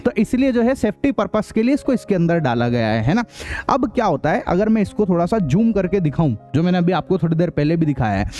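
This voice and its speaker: A man's voice: sits high, mellow, muffled recording. A man with a Hindi accent teaching a science class, repeating key terms and quizzing students in a casual way. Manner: repeats key terms and asks quiz questions back; casual, addresses students as brother. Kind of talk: explanatory classroom lesson.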